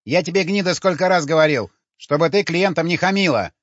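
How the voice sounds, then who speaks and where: A man's voice: a little high, very animated, moderate pace, no echo, lo-fi sound, pitched above the performer's own voice. A man voicing an angry, abusive male dwarf pimp in an audiobook. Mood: scolding. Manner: screeching, abusive.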